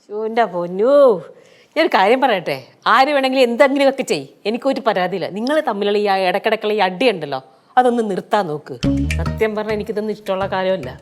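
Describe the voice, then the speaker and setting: A woman's voice: mid-range voice, animated, quick pace, natural voice. An actress playing a weary, exasperated middle-aged mother trying to keep the peace in a TV sitcom. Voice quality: scolding, exasperated. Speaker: mother of the family. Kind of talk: TV sitcom acting. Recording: TV sitcom with faint music.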